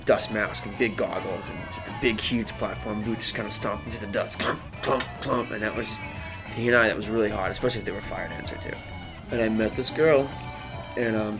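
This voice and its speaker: A man telling a long personal story as a guest, halting and rambling with many fillers and restarts. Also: on the low side, low-quality recording. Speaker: interview guest. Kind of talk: casual storytelling.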